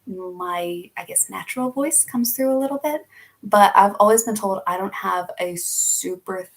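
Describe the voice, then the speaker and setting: In a low-quality recording, a young woman with a mid-range voice talks at an unhurried pace. Hailing from Philadelphia, USA, and carrying a Philly accent, she chats on a live stream, taking viewer questions and laughing often.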